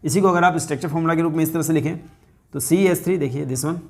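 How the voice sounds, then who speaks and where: A man's voice: fairly high pitch, darkish tone. Male teacher quizzing students. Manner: asks the class questions and repeats key terms slowly. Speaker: chemistry teacher. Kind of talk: explaining a chemistry lesson to students.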